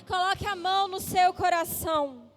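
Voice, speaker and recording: A woman pastor preaching a sermon with an altar call, impassioned, rising to shouts and tearful pleas. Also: very high-pitched, moderate pace, soft background music. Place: church service.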